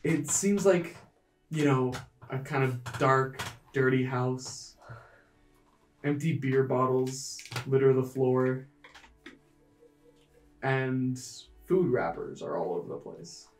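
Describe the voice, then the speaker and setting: Slow, measured game master man. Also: mid-range voice, recorded from a distance, soft background music. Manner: measured, descriptive storytelling. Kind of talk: narrating a tabletop game. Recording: roomy, mic set back.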